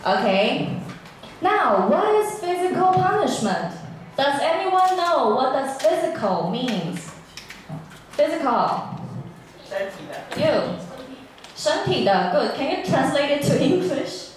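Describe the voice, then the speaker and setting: Slow, patient woman teaching English. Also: high voice, sing-song, a little hiss or hum. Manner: patient, drills with repetition and questions. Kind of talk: classroom English lesson. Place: classroom. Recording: echoey classroom, from far off.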